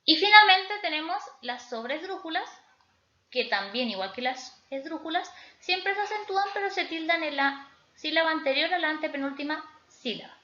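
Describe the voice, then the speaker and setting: Bright high-voiced woman teaching a class. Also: animated, moderate pace. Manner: explanatory, checking in with a repeated "¿ya?". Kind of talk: recorded spelling lesson. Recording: echoey room, slightly dull sound.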